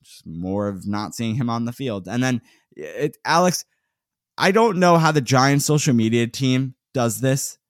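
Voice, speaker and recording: A man's voice: mid-range voice, expressive, a little slow, clean tone, no room sound, clean studio sound. A man co-hosting a casual sports podcast, recapping a game with frequent laughs and reading out player lists. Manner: chatty, laughs often, reads player lists. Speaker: podcast co-host.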